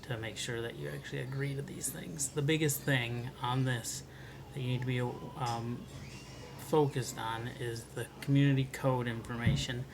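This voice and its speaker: A man's voice: mid-range voice, fairly even intonation, moderate pace. A man with an American accent, informally explaining rules to student orientation leaders. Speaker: orientation staff organiser. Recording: clear ambient background noise.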